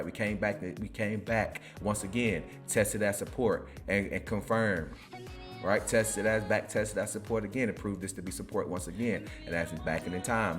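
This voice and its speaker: A man hosting a finance video, walking through price charts in a casual, rambling way and asking "right?" after nearly every phrase. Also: low voice. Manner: says "right?" constantly, restarts, excited bursts.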